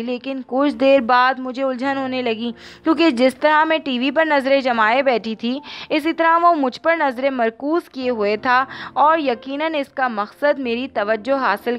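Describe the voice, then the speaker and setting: A woman with a steady, measured delivery, narrating a novel in the first person as an audiobook. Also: sits high. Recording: dull lo-fi audio.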